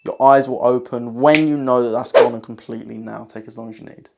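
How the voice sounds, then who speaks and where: A man giving a hypnotic induction in a slow, soothing hypnotist voice, repeating calming phrases with pauses. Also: mid-range voice, vocal fry, very noisy. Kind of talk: hypnotic induction, guided relaxation.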